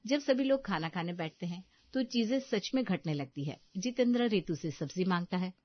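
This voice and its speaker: A woman giving scripted narration of a cartoon family story in an even storytelling manner. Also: fairly low pitch, normal speed, dry recording, muffled recording.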